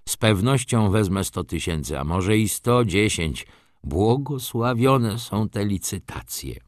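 A pompous old gentleman speaks in a slow, ceremonious drawl, as a man reads him. His low voice swings lively through each phrase. The sound is dry and close. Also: no room sound. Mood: genial. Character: elderly impoverished gentleman, pompous and genial.

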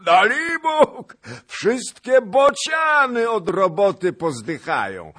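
A man's voice: sits high, very animated, slow, fairly bright tone, voice pushed up, full character voice. A man voicing a boisterous, jovial old nobleman who bellows his lines with laughter. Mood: roaring merriment.

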